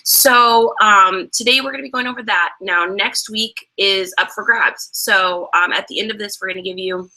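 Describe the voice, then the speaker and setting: On a rough recording, a young woman co-hosts an online sales training, casually explaining steps with plenty of fillers and easy laughter. Her voice is medium-pitched and sharp, moving at a moderate pace with few pauses.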